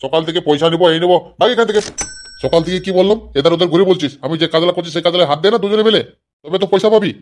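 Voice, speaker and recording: Guy doing a grumpy cartoon dad, scolds his kids, talks quick. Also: sits high, a little hiss or hum, natural voice. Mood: scolding. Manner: scolding, exasperated. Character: grumpy father, vegetable seller. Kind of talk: cartoon voice acting.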